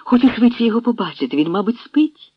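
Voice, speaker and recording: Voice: medium pitch, very animated, fast, dry recording, pitched above the performer's own voice. A reader voicing an emotional young noblewoman who speaks in eager exclamations, in an audiobook reading. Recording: dry, dull lo-fi sound.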